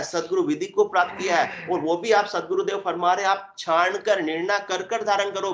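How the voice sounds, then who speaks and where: A man giving a spiritual discourse, explaining by asking and answering his own questions and drawing out verse lines slowly. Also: high voice, fairly bright tone. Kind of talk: Hindi satsang discourse. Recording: dull lo-fi recording.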